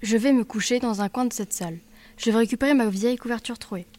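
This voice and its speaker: Woman voicing a poor old innkeeper, female, calm and plain, read-aloud drama, high voice. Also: quick pace, soft background music, lightly acted. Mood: hospitable. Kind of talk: audiobook character reading.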